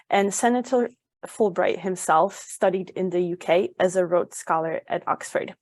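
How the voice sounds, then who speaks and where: A woman's voice: mid-range voice, darkish tone, dry recording. A young woman from Poland giving a webinar as an education advisor, informative and full of ums and uhs. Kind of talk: webinar presentation.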